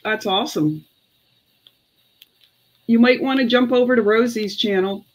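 A woman's voice: medium pitch, fairly quick. A middle-aged woman chatting casually and unhurriedly as she sells items on a live online sale, sometimes muttering counts to herself. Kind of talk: casual live selling chat. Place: indoor room with clothes racks.

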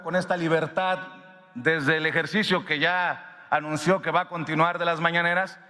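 A man's voice: fairly high pitch, pushed and bright. A man, giving an earnest, emphatic formal speech at a podium microphone in a large hall. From Sonora, Mexico. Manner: earnest and grateful, emphatic with drawn-out pauses. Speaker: independent media director giving a speech. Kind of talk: formal public address. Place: large ornate hall in a palace. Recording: long reverb of a large hall.

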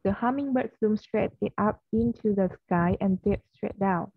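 A woman's voice: mid-range voice, unhurried, husky, dry recording. Vietnamese-speaking woman tutor, coaxing, checking in often; dry, slightly dull call audio. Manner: coaxing, keeps checking with "yes or no?" and modelling stressed words. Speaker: online English teacher. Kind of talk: one-on-one online English lesson.

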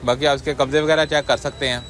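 A man hosting a car market walkaround, describing cars in brisk salesman-like patter and interviewing sellers on a handheld mic outdoors. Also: medium pitch, steady tone, fairly bright tone. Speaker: host presenting cars at a market. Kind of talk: walkaround commentary and street interviews. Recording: outdoor street noise behind.

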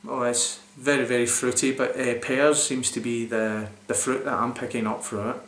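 A man's voice: mid-range voice, level tone, normal speed, fairly bright tone. Rambling man reviewing beer. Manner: rambling, enthusiastic, hesitant with many fillers. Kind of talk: casual beer review vlog. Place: small room indoors. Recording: roomy echoey home recording.

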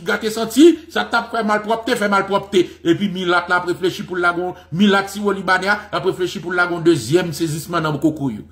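A Haitian-accented man holds forth in a high, bright-edged voice, swinging between mocking asides and loud bursts. His impassioned commentary rings around a hollow, echoey room. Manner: animated and mocking, with sudden loud outbursts. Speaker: political commentator.

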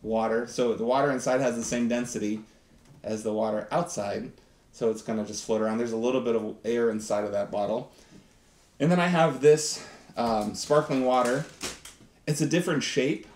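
Speaking at a moderate pace in a steady, mid-range, slightly mellow voice, this thirtysomething host runs a lively live science demo and addresses viewers directly. He's a science teacher working in an indoor home kitchen set, and the sound carries a roomy kitchen echo.

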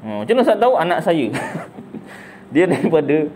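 A man's voice: fairly high pitch, big pitch swings, normal speed, a little mellow, slight background noise. A middle-aged man with a Malaysian Malay accent giving a casual religious talk, chatty and jokey, asking and answering his own questions. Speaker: religious teacher.

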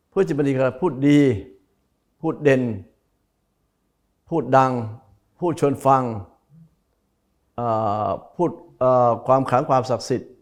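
Thai monk giving an emphatic sermon. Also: male voice, mid-range voice. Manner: emphatic, repeats key phrases, addresses viewers directly. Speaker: Buddhist monk preacher. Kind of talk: televised dharma talk. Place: broadcast studio.

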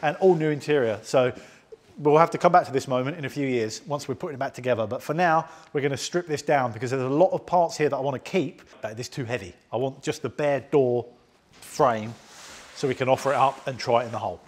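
In a large indoor garage workshop, a medium-pitched man talks fast while hosting his car restoration vlog. He chats casually, explaining his work as he goes and laughing easily.

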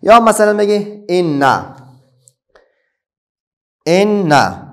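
A man's voice: high voice, lively intonation, a bit bright. A middle-aged man with an Afghan Dari accent teaching a children's reading lesson, patiently asking questions and then answering them himself.

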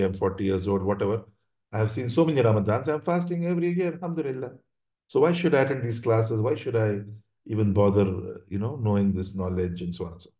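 A man's voice: on the low side, dark tone. A man teaching an online religious class over slides, explaining step by step, often checking in with "right?" and restarting his sentences. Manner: explanatory, frequent check-ins with "right?" and "yeah?"; halting, with many restarts. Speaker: Islamic teacher. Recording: roomy echo.

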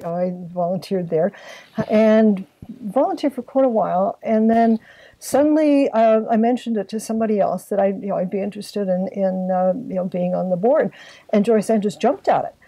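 Brief: older Canadian woman, interview guest, mellow dry voice, hedging and restarting often. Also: mid-range voice, moderate pace, no echo, rough recording. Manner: hesitant, many fillers and restarts. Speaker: guest, arts health board secretary. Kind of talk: casual interview talk.

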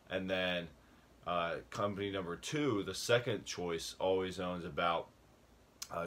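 A man's voice: low voice, a bit bright. A young man talking casually about a book he read, rambling with fillers and restarts, a little out of breath. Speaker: book review vlogger. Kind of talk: casual video talk.

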